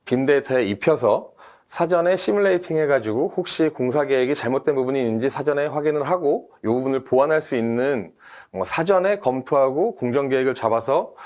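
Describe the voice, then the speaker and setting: In a webinar discussion, this team leader and industry expert guest explains things methodically with a mid-range, somewhat dark voice. His speech has frequent fillers and restarts.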